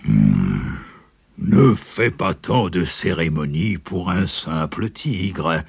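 Raspy husky tiger, sly and greedy, slow purring storybook villain. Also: male voice, low-pitched, big pitch swings, dry recording, exaggerated voice. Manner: purring, drawn-out, scheming. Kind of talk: storybook character voice.

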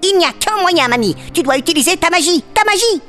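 A woman voicing a small, brave, excitable duckling who repeats his words and mangles big words in a children's story. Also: very high voice, fast, soft background music. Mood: determined. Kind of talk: storybook acting.

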